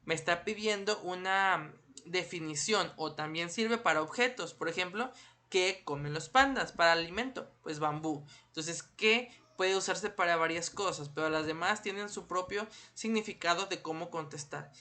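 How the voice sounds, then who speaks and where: Bright-voiced teacher quizzing his class. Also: high-pitched, normal speed. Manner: patient, asks questions and answers them himself. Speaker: primary school teacher. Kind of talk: online class lesson.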